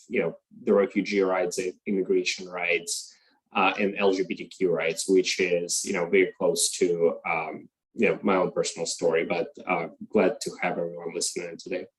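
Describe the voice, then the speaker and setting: A man's voice: low voice, poor audio. A young man introducing himself on a video call panel. He hesitates often and fills gaps with uh and you know. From Russia. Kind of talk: casual self-introduction.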